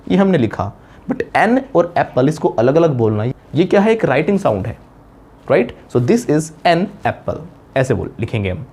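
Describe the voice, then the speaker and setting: A man from India teaching English grammar in a classroom style, explaining step by step, asking rhetorical questions and slowing down for English examples in an Indian English accent. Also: fairly high pitch, a little mellow.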